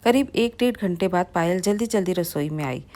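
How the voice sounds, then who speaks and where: A woman narrating a moral family story in a plain, steady storytelling manner. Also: fairly low pitch, fairly quick.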